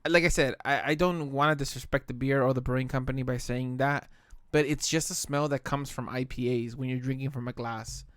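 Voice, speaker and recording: A man's voice: medium pitch, steady tone, a little fast, hardly any pauses, a bit bright, smooth, dry recording, studio quality. A man co-hosting a casual beer podcast, stammering and repeating words, padding with "you know". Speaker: podcast co-host. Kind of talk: casual chat.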